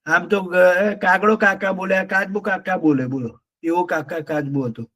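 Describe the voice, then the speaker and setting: Animated high-voiced male storyteller. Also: normal speed. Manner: animated, checks in with children often. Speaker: children's teacher and storyteller. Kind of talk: storytelling to children in an online class.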